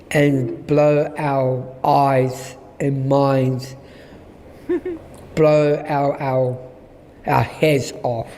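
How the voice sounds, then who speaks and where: A man hosting an eating challenge in casual chat, with simple, halting phrasing. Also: mid-range voice, a little mellow, big-room sound, a little hiss or hum.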